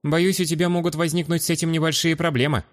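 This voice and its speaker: A man's voice: fairly high pitch, level tone, fast, voice pushed up, natural voice. A male audiobook narrator voicing a young boy noble who speaks with polite, cheerful gallantry in a raised voice. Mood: courteous. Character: courteous boy noble hiding an ancient soul.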